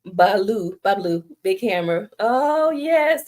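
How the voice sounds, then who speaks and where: Chatting and giggling with her live-stream audience, this middle-aged woman from the American South reads comments aloud and makes self-deprecating jokes. Her light, youthful voice is mid-range and darkish, with lively intonation and an unhurried pace.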